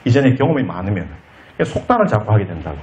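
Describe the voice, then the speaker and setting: A man giving an animated counseling lecture at a conference, acting out quoted lines in different voices. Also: on the low side, rapid-fire, lo-fi sound. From South Korea. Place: lecture hall.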